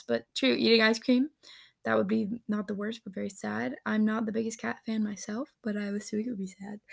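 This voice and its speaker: A woman vlogging on her own, reading answers aloud and reacting with giggles and quick asides. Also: a little high, creaky. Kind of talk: casual solo chat.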